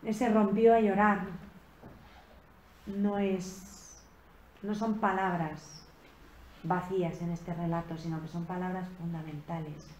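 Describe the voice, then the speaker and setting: A woman giving a slow, reflective sermon on a Gospel passage at a retreat, rising in emphasis on key phrases. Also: on the low side, level tone, a little mellow. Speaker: preacher giving a retreat talk. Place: convent retreat room. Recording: echoey room with faint background noise.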